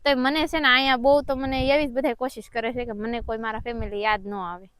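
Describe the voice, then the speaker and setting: A young woman talks through her own story in a casual vlog, earnest and heartfelt. Her voice sits a little high and sounds smooth and clear. It is close and dry, with no room sound. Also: steady tone, quick pace, fairly bright tone, no room sound. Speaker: vlogger. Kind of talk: casual chat.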